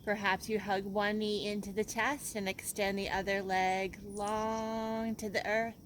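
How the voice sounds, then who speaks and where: A woman yoga teacher conducts a guided relaxation with a flat delivery and a mid-pitched voice. She speaks very slowly and gently, pausing soothingly between instructions, over faint background noise.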